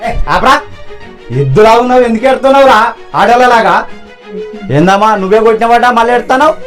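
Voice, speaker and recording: A man playing a blunt rural police officer who scolds men roughly and speaks kindly to women. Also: extremely high pitch, quick pace, faint music behind. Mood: scolding. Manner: loud, scolding, rough village talk.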